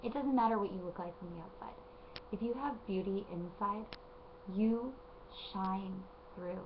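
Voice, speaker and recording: A hoarse woman who is losing her voice gives a casual, rambling motivational talk to camera from home late at night, with plenty of ums. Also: mid-range voice, moderate pace. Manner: gentle, rambling, lots of ums. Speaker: vlogger and parenting page admin. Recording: dull lo-fi recording with faint background noise.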